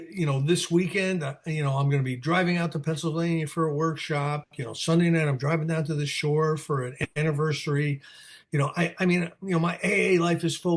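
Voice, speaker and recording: Rambling older New man. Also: fairly high pitch. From New Jersey. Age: 60s. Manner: goes off on tangents, repeats words. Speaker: guest speaker at a recovery meeting. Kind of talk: candid rambling talk answering questions. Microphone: video call.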